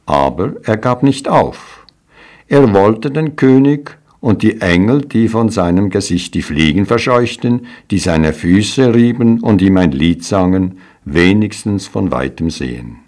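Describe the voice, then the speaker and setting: Deep-voiced, slow male storyteller. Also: expressive, darkish tone. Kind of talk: storybook reading.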